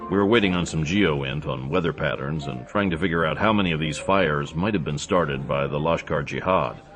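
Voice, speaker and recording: An actor playing a tough, laconic action hero in an audio drama, with a dry, understated manner. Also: male voice, a bass voice, moderate pace, fairly bright tone, soft background music. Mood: matter-of-fact.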